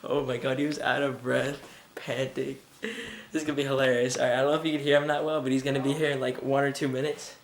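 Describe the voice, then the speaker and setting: A man's voice: medium pitch, level tone, fast talker, reverberant, slight background noise. A young man chatting to camera from inside his home, upbeat and amused. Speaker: vlogger host. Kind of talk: casual chat to camera. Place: indoors at home by a window. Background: background music.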